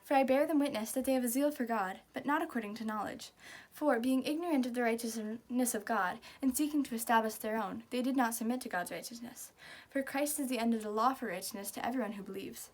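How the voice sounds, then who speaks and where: Woman w kinda high voice reciting bible verses by rote from memory. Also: fast, few pauses, a little mellow. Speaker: reciter of scripture.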